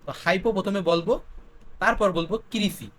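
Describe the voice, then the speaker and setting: High-pitched man teaching spelling. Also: fairly quick, fairly bright tone, a little hiss or hum. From Bangladesh. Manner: spells words letter by letter, explains with repeated questions. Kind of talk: spelling lesson for exam preparation.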